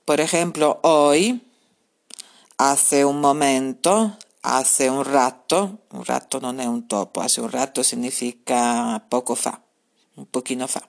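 A woman's voice: a bass voice, slow, vocal fry. A woman teaching grammar in a recorded podcast lesson, patiently repeating her points and spelling out examples. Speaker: language teacher.

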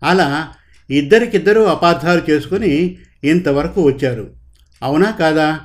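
A calm, wise judge settles a quarrelling couple's case in a storybook reading, voiced by a man. He speaks in an unhurried, measured way, with a slightly raised pitch. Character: calm, wise male judge, mildly exasperated.

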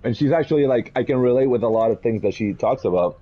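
A man from Puerto Rico co-hosting a podcast, telling stories in an animated, rambling way with quick laughs. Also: medium pitch, lo-fi sound. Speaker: podcast co-host. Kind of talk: casual chat.

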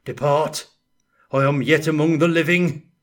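A man voicing a grim dwarf warrior with a rasping, stony voice. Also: a little high, steady tone, a little slow, voice pushed up, natural voice. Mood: defiant. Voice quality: rasping, gravelly. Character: grim male dwarf warrior, gruff and stern.

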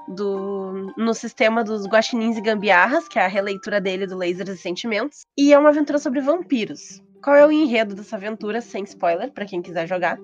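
A woman co-hosting a casual chat about tabletop games, telling things in an informal storytelling way. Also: medium pitch. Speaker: podcast co-host. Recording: slightly muffled, music behind.

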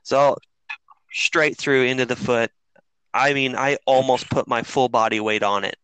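A middle-aged man with a bright, clear voice rambles through a story, cursing freely and piling on fillers. The sound is dry and close to the mic. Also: medium pitch, a little slow, no echo, poor audio. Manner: profane, rambling, animated storyteller. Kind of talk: casual storytelling chat.

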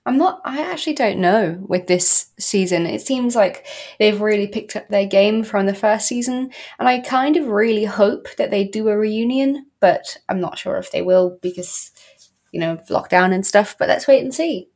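A woman's voice: mid-range voice, moderate pace, a little mellow. A woman co-hosting a casual podcast, chatty and full of fillers, her voice a little worn. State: losing her voice a bit. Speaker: podcast co-host.

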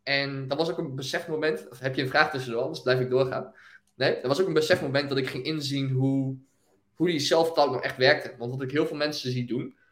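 Young male guest, lively storyteller, laughs easily, mid-pitched, roomy echo. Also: brisk. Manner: animated storytelling, laughs often, fillers like "weet je wel". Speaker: guest, business owner. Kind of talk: casual interview talk.

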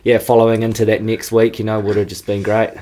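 A man's voice: fairly low pitch, completely flat delivery, quick pace, mellow. Laid-back New Zealand man, slangy chat. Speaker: snowboarder guest. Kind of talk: casual interview chat.

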